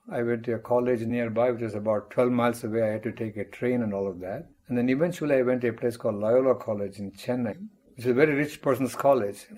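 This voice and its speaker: An older man from Tamil Nadu, India, whose first language is Tamil, speaks in a mellow, husky voice at medium pitch. A guest professor in a personal storytelling interview, he recounts events in a measured, reflective way with wry asides.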